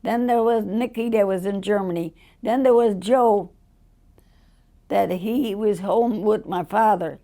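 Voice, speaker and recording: A very old woman, over a hundred, telling stories from her life in a rambling, colloquial way with a gravelly old voice. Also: medium pitch, a little slow, mellow. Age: over 100, very old. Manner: rambling storyteller, acting out quoted dialogue in plain colloquial words. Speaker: interviewee. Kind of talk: casual autobiographical storytelling.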